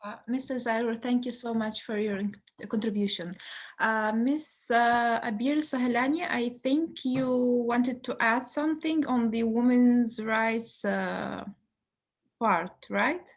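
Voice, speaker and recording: A woman's voice: a little high, slow pace. A woman moderating a webinar, politely handing the floor between panelists.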